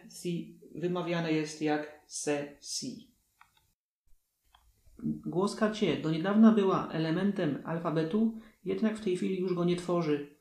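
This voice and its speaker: Slow, echoey man teaching pronunciation. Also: fairly high pitch, darkish tone. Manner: measured, explanatory, spells out examples. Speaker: language teacher. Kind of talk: scripted pronunciation lesson. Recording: roomy echo.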